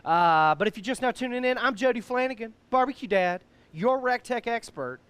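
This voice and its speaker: Jolly, loud, high-voiced grill dad. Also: male voice, expressive, a little fast, smooth. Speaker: cooking show host and grill expert. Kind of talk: upbeat live-stream cooking show chat.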